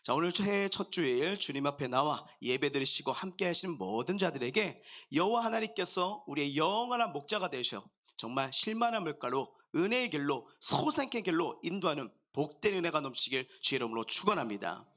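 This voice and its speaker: A man preaching a sermon as pastor, talking straight to his congregation in a jovial, animated way. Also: a little high, a little fast, hardly any pauses. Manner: addresses the congregation directly.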